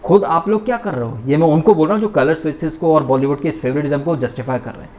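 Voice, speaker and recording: A man's voice: on the high side, quick pace, warm tone. A man giving an indignant, ranting commentary monologue as a vlogger reviewing a show. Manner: indignant, ranting, mocking impressions.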